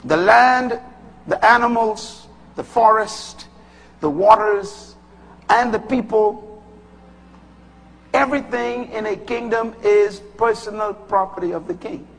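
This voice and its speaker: A man from the Bahamas with a Bahamian accent, preaching a sermon with emphatic bursts that rise high and drop low. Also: takes it slowly, vocal fry, long pauses, fairly bright tone. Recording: long hall reverb.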